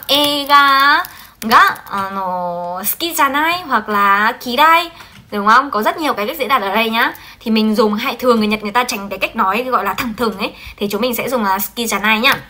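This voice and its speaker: Bright, lively woman teaching online. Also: a little high. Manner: lively, coaxing, checks in often with the class. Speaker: Japanese language teacher. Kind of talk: livestream translation lesson.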